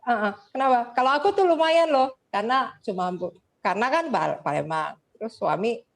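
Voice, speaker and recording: A woman's voice: a little high, animated, moderate pace, vocal fry. A woman from Indonesia co-hosting a podcast in casual chat, talkative and laughing often, with English words mixed into her speech. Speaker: podcast co-host.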